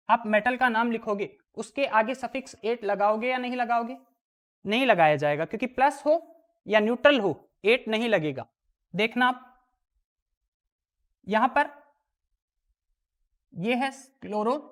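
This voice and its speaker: A woman teaching a chemistry lesson, asking the class questions and answering them herself. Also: a little high. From India. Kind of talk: classroom lesson explaining worked exam problems.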